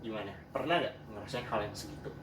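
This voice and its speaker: A man's voice: fairly low pitch, fairly even intonation, fast talker, fairly bright tone. A man with a Jakarta Indonesian accent hosting a casual group chat. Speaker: host. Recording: echoey room, distant mic, clear noise.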